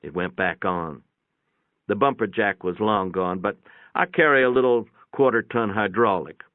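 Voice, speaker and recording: Reading his first-person tale aloud at normal speed, a narrator uses a plainspoken, folksy manner and a fairly low voice. The audio sounds tinny and phone-like, with an echo from a boxy room.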